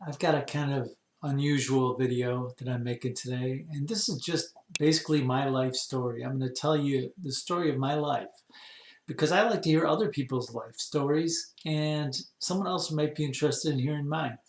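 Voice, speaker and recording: A man's voice: medium pitch, reverberant. Man in his fifties telling his life story. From Wisconsin, USA. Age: 50s. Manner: unhurried, rambling, with many "uh" pauses. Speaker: vlogger. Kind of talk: casual personal storytelling.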